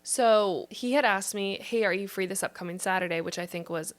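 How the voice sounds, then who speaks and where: A young woman co-hosting a podcast, telling a dating story in a relaxed, casual way with lots of "like". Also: mid-range voice, brisk. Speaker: podcast co-host. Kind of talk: casual chat.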